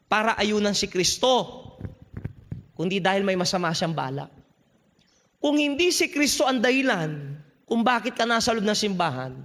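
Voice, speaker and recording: A man's voice: very high-pitched, a bit bright. A man preaching a sermon at a youth camp, emphatic and often firing rhetorical questions at his listeners. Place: large hall at a church youth camp. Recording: long reverb of a large hall.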